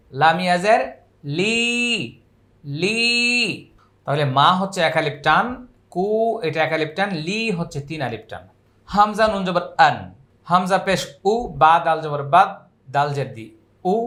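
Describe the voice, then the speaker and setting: A man from Bangladesh teaching Quran reading with a Bangladeshi accent, spelling each word letter by letter and then chanting it in long drawn-out recitation. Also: a little high, a bit bright. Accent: Bangladeshi Bengali. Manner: slow drawn-out chanted recitation between brisk spelling drills.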